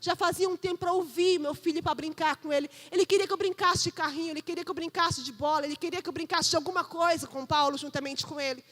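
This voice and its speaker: A woman pastor preaching fervently in church, moving between loud emphatic preaching and soft storytelling. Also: very high voice, steady tone, fast talker, hardly any pauses. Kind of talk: sermon.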